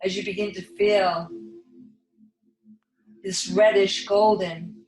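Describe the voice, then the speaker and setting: A woman leading a guided spiritual meditation in a slow, hushed delivery with long pauses. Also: medium pitch, fairly even intonation. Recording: echoey reverb over soft music.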